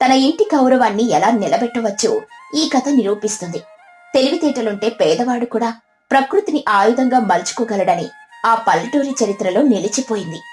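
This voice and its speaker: Woman narrating a storybook, roomy sound. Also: a little high. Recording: roomy with soft background music.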